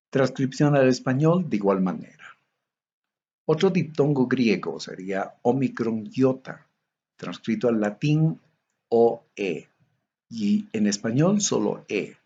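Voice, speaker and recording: A man from Bolivia giving a recorded theology lecture, going methodically through tables of Greek letters in a slow, measured way. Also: mid-range voice, dark tone, breathy edge, muffled recording.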